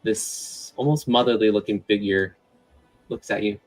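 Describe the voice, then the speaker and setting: Male game master, lowish voice, unhurried descriptive narration for a fantasy tabletop game, light music underneath. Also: fairly even intonation, low-quality recording.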